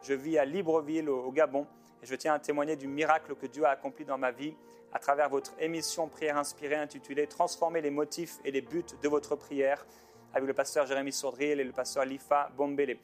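Man, pastor host, fervent, rambling, halting fillers, slightly high voice. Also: little pitch movement, faint music behind. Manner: fervent, rambling, with many filler pauses and restarts. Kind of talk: informal ministry talk to viewers.

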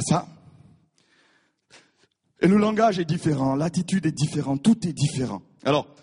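A man preaching a sermon, animated, repeating his words and acting out the people in his stories. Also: fairly high pitch, husky. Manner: animated, repeats words, acts out voices of biblical figures. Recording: reverberant hall.

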